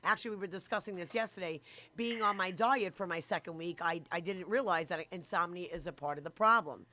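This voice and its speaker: A woman's voice: on the low side, fairly quick, slight background noise. Chatty woman hosting a live radio talk show. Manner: chatty, effusive, frequent shout-outs.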